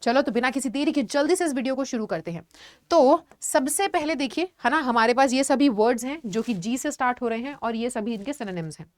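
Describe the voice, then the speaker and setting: A woman's voice: high voice, animated, fairly quick, dry recording. A young adult woman teaching a vocabulary lesson, explaining patiently and checking in with her students. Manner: explains patiently, addresses students as "beta", frequent "theek hai" check-ins. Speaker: online teacher.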